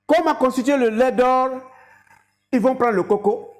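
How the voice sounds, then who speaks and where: A woman's voice: sits high, moderate pace. A woman giving an instructive health talk and demonstration, addressing viewers directly as an educator.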